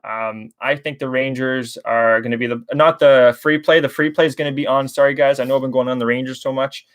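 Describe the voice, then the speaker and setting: A man's voice: medium pitch, fairly even intonation, fairly quick, smooth, no room sound. Young man, chatty betting show host, dry close sound. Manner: chatty, rambling, addresses chat viewers as guys. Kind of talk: casual hockey betting breakdown livestream.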